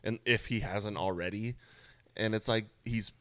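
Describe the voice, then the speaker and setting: A man's voice: lowish voice, fairly even intonation, normal speed, fairly bright tone, no echo. A young man co-hosting a podcast, telling a story in a laid-back, casual way and swearing now and then. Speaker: podcast co-host. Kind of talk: casual chat.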